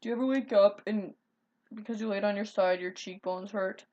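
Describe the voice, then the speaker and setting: A woman's voice: mid-range voice, brisk, a little mellow, lo-fi sound. A young woman from Minnesota with a Minnesota accent, chatting casually in a vlog, giggly and rambling. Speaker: vlogger. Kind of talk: casual chat.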